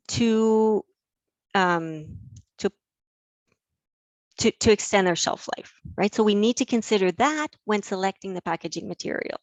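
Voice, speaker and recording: A woman's voice: on the low side, dry recording. A woman giving an enthusiastic live online lecture, with frequent fillers and restarts.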